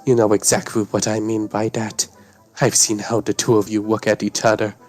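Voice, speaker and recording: A man's voice: lowish voice, level tone, normal speed, darkish tone, faint music behind, close to an everyday voice. A man voicing a prim, formal grown man who pries into others' lives in stiff, polite phrasing. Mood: confrontational.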